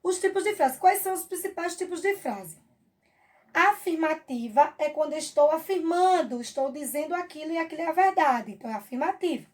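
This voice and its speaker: High-voiced Brazilian woman teacher. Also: lively intonation. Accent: Brazilian Portuguese. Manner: patient, drawn-out examples, frequent check-ins with the class. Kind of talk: recorded review lesson for children.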